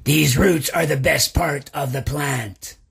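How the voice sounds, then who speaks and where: A big, demanding bear from a storybook, talking in a slow, gruff, husky voice, as a male reader puts him on. The voice has a gravelly edge. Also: a little high, fairly bright tone, pitched above the performer's own voice, heavily acted. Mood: angry. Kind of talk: storybook reading.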